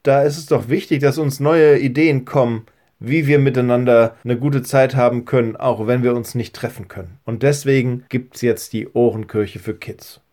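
A man's voice: mid-range voice, steady tone, normal speed, dark tone. Male pastor, friendly children's host and storyteller. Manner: friendly, addresses children directly. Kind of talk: children's church audio and storytelling.

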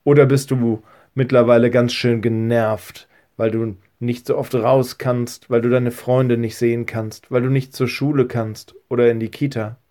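A pastor speaking to children in a friendly, direct way and reading a story aloud. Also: male voice, mid-range voice, little pitch movement, moderate pace, hardly any pauses, dark tone. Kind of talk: children's church audio and storytelling.

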